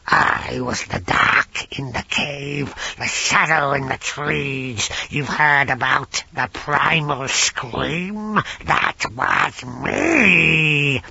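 A man voicing an ancient, wheezing bogeyman posing as a sweet old lady, in a creaky, sly audiobook voice. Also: on the high side, very slow, sharp tone, no room sound, pitched above the performer's own voice, full character voice. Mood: grandiose. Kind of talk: audiobook character voice. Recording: dull lo-fi recording.

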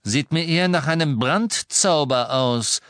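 A man voicing an excited, impatient aristocratic wizard who presses eagerly. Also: on the high side, unhurried, dry recording, clean studio sound, voice pushed up.

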